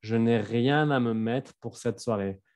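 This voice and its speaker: Slow-spoken man teaching. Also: medium pitch. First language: French. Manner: slow, careful enunciation of each example, relaxed and chatty explanations. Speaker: French teacher. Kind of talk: language lesson, conjugating verbs and explaining example sentences. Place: home office.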